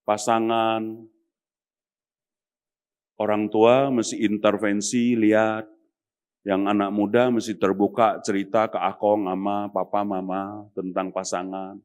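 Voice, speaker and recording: A man preaching as pastor in a chatty, humorous way, sometimes acting out the people he quotes. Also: lowish voice. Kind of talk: sermon.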